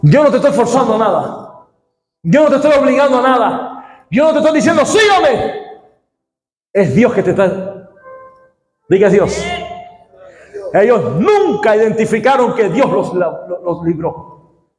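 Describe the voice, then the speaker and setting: A man preaches a sermon as pastor, pushing his congregation to repeat after him and rising into shouts. His voice sits very high. The church hall around him rings with long, roomy reverb. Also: very animated, unhurried, pauses often, faint music behind. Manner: call-and-response, frequent shouting bursts. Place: church sanctuary.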